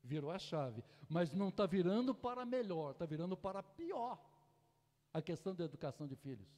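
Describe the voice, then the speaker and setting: A man preaching a sermon in a church, shifting from soft asides to loud, impassioned exhortation. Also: high-pitched, very animated, moderate pace. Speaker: pastor. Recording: echoey church hall.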